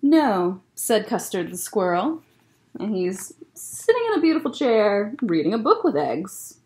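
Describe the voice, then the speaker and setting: A young woman reads a picture book aloud at a children's story time, indoors in a library room lined with bookshelves. Her medium-pitched voice is mellow and swings widely, her pace measured, and she expressively mixes in casual asides.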